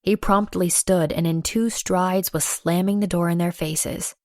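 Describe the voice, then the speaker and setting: Brief: woman narrator, lowish voice, dry close studio sound, playful first-person romance read. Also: fairly even intonation, measured pace, darkish tone, dry recording. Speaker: audiobook narrator.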